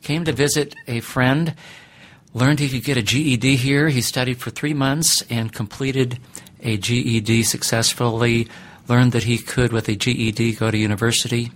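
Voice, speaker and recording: A middle-aged man who teaches ethics, answering interview questions in a thoughtful, deliberate way with many pauses. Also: mid-range voice, steady tone.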